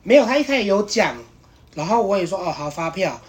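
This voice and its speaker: Sex: man. Role: podcast host. Style: casual storytelling, rambling and animated, full of restarts. Pitch: fairly high. Pace: fast.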